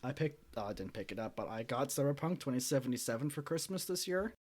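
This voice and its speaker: A man's voice: medium pitch, fast. A man co-hosting a podcast, casually telling gaming stories and acting out what he said. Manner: animated storyteller, acts out quotes. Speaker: podcast co-host. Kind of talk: casual chat.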